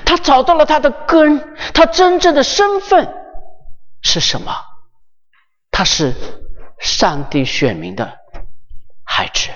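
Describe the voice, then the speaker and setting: A preacher telling a Bible story as a sermon, swinging from raised high phrases to hushed, near-whispered lines. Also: slow, long pauses. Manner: animated, pitch swinging high and low, drops to near-whisper for emphasis. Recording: dull lo-fi recording with long hall reverb.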